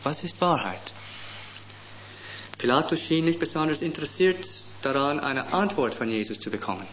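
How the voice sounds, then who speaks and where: A middle-aged man preaching a sermon, slow and deliberate, pushing up hard on key words. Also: on the high side, animated, a bit bright. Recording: dull lo-fi sound with faint background noise.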